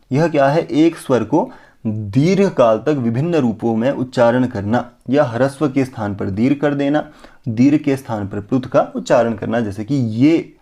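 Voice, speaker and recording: A man teaches an exam-prep lesson to a close mic, at a plain, middle pitch. He asks himself rhetorical questions and answers them right away. Now and then he slows down to draw out chanted syllables as examples. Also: mellow. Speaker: Sanskrit teacher.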